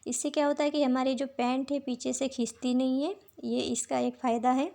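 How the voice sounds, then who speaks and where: A woman with a sore throat, calmly walking viewers through a sewing tutorial step by step. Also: high-pitched, normal speed, creaky. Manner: patient, repeats "dekhiye" while showing each step. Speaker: sewing teacher.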